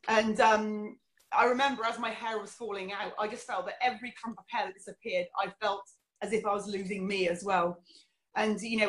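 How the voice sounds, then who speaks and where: A middle-aged woman from England, candidly telling her life story as an interview guest, with many fillers. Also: medium pitch. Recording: roomy echo.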